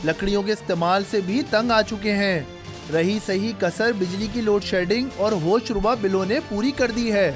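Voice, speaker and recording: A man reporting in a formal, measured news voice-over. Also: high voice, over music. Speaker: field reporter.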